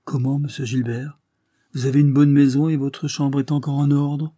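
A man's voice: mid-range voice, flat delivery, moderate pace, dark tone, no room sound, pitched above the performer's own voice, lightly acted. A man voicing a fretful, devoted old servant woman who pleads and fusses. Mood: pleading. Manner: pleading, fussing.

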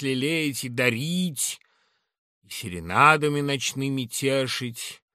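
A man's voice: medium pitch, bright, forceful tone, no echo, studio quality. A man voicing a jealous, hot-tempered nobleman. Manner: brooding, then challenging. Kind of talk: dramatic reading of a verse play.

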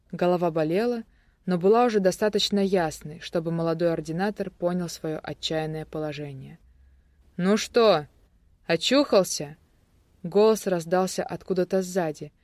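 A narrator giving a steady, even audiobook reading of a thriller. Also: mid-range voice, no echo.

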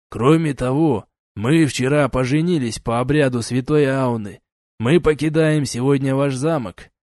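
A man's voice: mid-range voice, darkish tone, dry recording, clean studio sound, lightly acted. A man reading an audiobook and voicing a young soldier who speaks in a firm, curt, blunt way.

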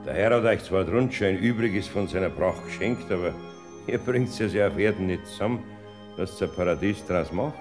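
An actor playing a genial, dignified old saint who welcomes souls in a radio play, avuncular, with a Bavarian accent. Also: male voice, low voice, animated, a little fast. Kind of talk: German dialect radio play. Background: music.

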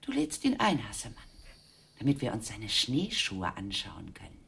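A woman's voice: mid-range voice, sing-song, moderate pace, breathy edge. A dramatic, demanding mother. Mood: jealous. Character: eccentric, domineering working-class mother.

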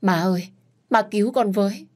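A woman's voice: medium pitch, normal speed, a little mellow, voice pushed up, natural voice. A woman voicing a cowardly, spoiled young man who talks in an anxious, whining way in a storybook reading. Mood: scared.

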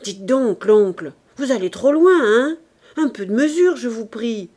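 A woman reading an audiobook, voicing a young man who loses his temper and shouts back at his uncle. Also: on the high side, lively intonation, a little slow. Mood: irritated. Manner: shouting, exasperated outbursts. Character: young man, embarrassed and furious nephew.

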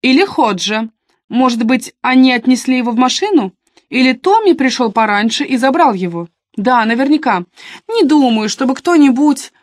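A woman voicing a calm upper-class female friend in an audiobook, speaking in a soothing, measured way. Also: sits high, dry recording, clean studio sound, voice pushed up. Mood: hopeful. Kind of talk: audiobook character reading.

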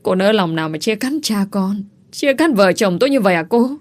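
A woman voicing a scheming young pregnant village woman who wails and pleads loudly. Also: medium pitch, expressive, fairly quick, natural voice. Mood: wailing. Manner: loud, wailing, pleading.

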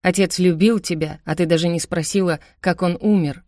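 A woman's voice: on the low side, normal speed, no echo, clean studio sound, natural voice. A woman doing a cold stern older brother. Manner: calm, cold and clipped. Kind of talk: audiobook character voice.

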